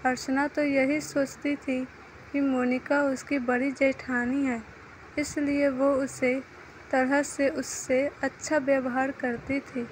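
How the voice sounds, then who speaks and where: Brief: high-voiced woman storyteller, slow even reading. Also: slight background noise, rough recording. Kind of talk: read-aloud story narration.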